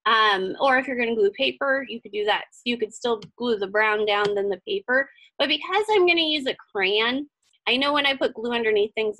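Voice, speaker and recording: On a low-quality recording, a woman with a high, widely swinging voice that often falls into creak leads learners through a craft step by step. She keeps things casual and chatty, offering encouragement and thinking aloud while she works.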